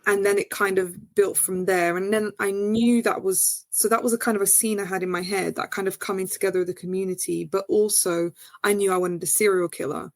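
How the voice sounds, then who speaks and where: Speaking a little fast with hardly any pauses, a novelist from Portugal chats as an interview guest. She's hesitant, full of fillers and restarts, and her voice climbs high and animated as she answers. The audio has no echo.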